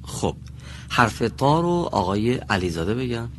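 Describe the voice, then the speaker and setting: A male teacher in a classroom giving a pronunciation lesson, patient and deliberate, slowly demonstrating each sound for his pupils. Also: medium pitch, big pitch swings, a bit bright, a little hiss or hum.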